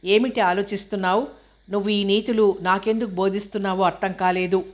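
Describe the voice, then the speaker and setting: A shy, naive young woman, as a female narrator puts her on in a storybook reading. Her replies come short and guarded, in a flat, level voice of middling pitch. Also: a little fast, lightly acted.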